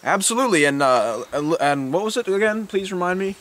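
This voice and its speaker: A man's voice: high-pitched, expressive, fairly quick, a bit bright. A young man improvising a mock documentary as a self-styled expert outdoors, rambling and often breaking into laughter. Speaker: comic co-host posing as an expert. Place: outdoors on a wooded hill.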